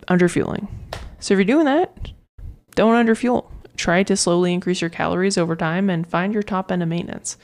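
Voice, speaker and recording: A woman fitness coach talks through her solo podcast in a loose, rambling way, full of fillers and restarts. Her voice sits a bit low and has a gravelly, fry-tinged edge. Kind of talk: casual solo podcast talk.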